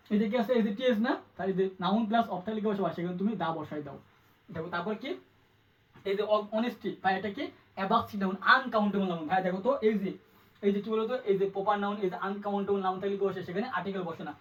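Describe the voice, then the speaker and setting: Fast-talking high-voiced male tutor. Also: recorded from a distance, dull audio. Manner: quick, repetitive, asks the student questions. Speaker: English tutor. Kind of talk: exam-prep grammar lesson.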